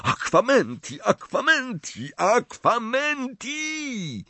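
A man voicing a desperate teenage boy wizard, urging and pleading, then shouting spells. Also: very high voice, huge pitch swings, drawn-out words, no room sound, voice pushed up, heavily acted. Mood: frantic.

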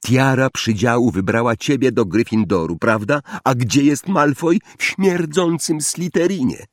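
A man voicing an earnest young schoolboy who speaks keenly and drops to a hush when excited. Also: mid-range voice, unhurried, no echo, studio quality, voice pushed up, natural voice.

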